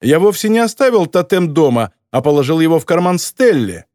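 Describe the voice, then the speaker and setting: A harsh, sarcastic editor who mocks and berates, his voice swinging up in lively scorn, as a man acts him out. The recording is dry and close. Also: fairly high pitch, fairly quick, no echo. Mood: mocking. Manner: mocking, scolding.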